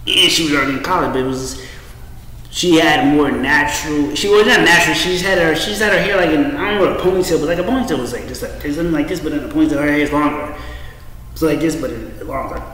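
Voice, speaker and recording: A vlogger in his thirties rambles casually to a webcam from a small room at home, loose and profane, repeating himself and trailing off. His voice is on the high side, fast, bright and forceful. The room is echoey with faint noise.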